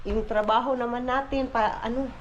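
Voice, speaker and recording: A middle-aged Filipino woman with a Visayan accent chats casually with viewers in a home vlog, slipping English into her Tagalog and repeatedly calling them "day." She is a stay-at-home mom filming indoors at the family home. Her voice is a little high and steady at a normal speed, and the recording sounds roomy and muffled with slight background noise.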